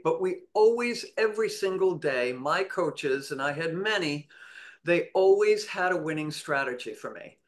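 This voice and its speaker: A woman speaking as a guest on a webinar panel, earnest and motivational. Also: low-pitched. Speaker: panel guest, former elite swimmer.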